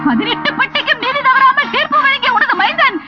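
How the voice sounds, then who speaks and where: A sarcastic village wife. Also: female voice, very high-pitched, a little fast, loud music behind the voice. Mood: theatrical. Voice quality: sarcastic, theatrical. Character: sharp-tongued village wife, sarcastic and dramatic. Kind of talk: film comedy acting. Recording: dull lo-fi film soundtrack with noise.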